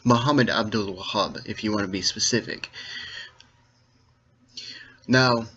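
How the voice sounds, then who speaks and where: A man giving an informal, didactic monologue to viewers, speaking in deliberate, halting phrases with emphatic stresses and checking that listeners follow. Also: fairly low pitch, pushed and bright, breathy edge. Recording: dull, lo-fi sound.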